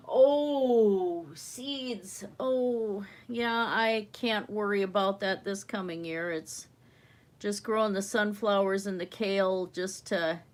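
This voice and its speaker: A woman with a slightly wheezy breath, chatting casually as she hosts an art livestream. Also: medium pitch. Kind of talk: casual chat while painting.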